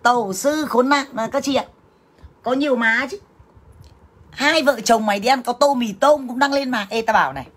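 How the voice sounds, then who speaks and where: A woman's voice: fairly high pitch, normal speed. A woman ranting crudely to her livestream viewers, cursing and scolding in a blunt, combative way. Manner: talks straight to viewers as sisters. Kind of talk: angry livestream rant.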